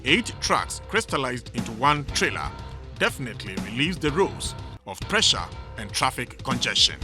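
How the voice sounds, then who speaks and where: A man reading scripted documentary narration as the narrator. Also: mid-range voice. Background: music bed.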